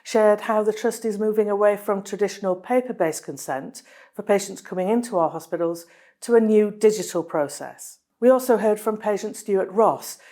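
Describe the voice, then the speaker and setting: A woman narrating a scripted monthly news round-up for a hospital trust, upbeat and clearly read. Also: medium pitch, mellow.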